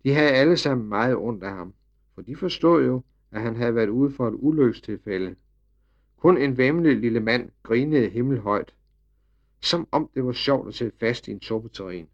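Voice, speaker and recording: A man narrating a children's storybook with lively, expressive storytelling. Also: mid-range voice. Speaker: audiobook narrator. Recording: slightly dull recording.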